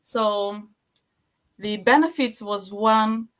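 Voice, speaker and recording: Guest, woman from Fiji, plain friendly delivery, mid pitch. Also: extremely slow. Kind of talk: casual online live chat.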